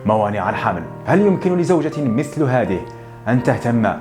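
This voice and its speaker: A man reading the lines of a young male engineer with conventional views, in a measured, questioning way. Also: mid-range voice, big pitch swings, music in the background, lightly acted. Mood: earnest. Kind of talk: audiobook narration.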